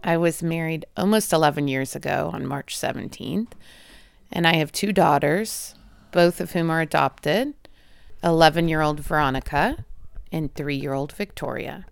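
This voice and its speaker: A woman's voice: deep voice, moderate pace, vocal fry, smooth, no room sound, studio quality. A woman in her forties telling an emotional personal story about her family. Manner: earnest, emotional, acts out quoted voices. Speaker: interviewee, mother.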